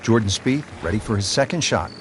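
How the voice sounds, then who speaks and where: A man's voice: lowish voice, lively intonation, fairly quick, a little hiss or hum, lightly acted. A man working as a golf commentator, calling play as a composed lead announcer in a video game. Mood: composed commentary. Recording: crowd ambience and music behind.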